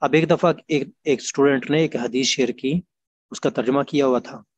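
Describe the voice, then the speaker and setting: A man teaching an online grammar class, explaining patiently and repeating examples slowly. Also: mid-range voice, steady tone, husky, dull audio.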